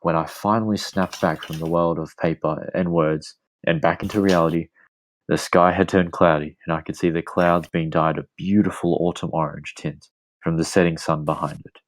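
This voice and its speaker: A man reading a romantic story aloud as a podcast host, in a calm, measured way. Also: low-pitched, a little hiss or hum, low-quality recording.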